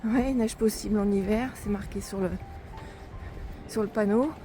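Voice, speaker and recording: A woman's voice: medium pitch, fairly even intonation, moderate pace, music in the background. A woman chatting casually as she walks a mountain trail, narrating her pilgrimage for a vlog. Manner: chatty, narrating while hiking uphill. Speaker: pilgrim vlogger. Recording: outdoor wind and ambient noise.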